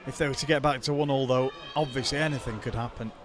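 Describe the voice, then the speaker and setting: A man's voice: mid-range voice, fairly even intonation, fast. A man doing co-commentary on a football stream, offering dry, self-deprecating banter with frequent stumbling restarts. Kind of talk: casual commentary chat. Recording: noisy outdoor stadium crowd.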